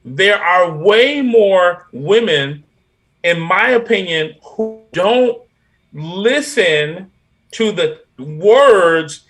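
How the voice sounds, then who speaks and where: A man with a high, bright voice co-hosts a panel discussion. He tells a story in a measured, deliberate way. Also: lively intonation, faint music behind. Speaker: podcast co-host.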